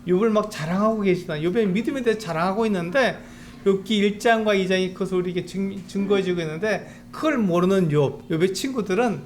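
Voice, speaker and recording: Earnest high-voiced male pastor. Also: quick pace. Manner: explaining earnestly with rhetorical questions. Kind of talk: sermon.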